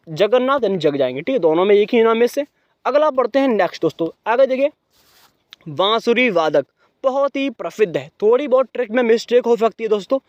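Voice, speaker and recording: Young male exam tutor, high voice, chatty and repetitive, dry muffled recording. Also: no room sound. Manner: quizzes himself and answers in a lower voice; repeats mnemonics, brisk and chatty. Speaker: exam-prep teacher. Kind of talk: energetic exam-prep lesson.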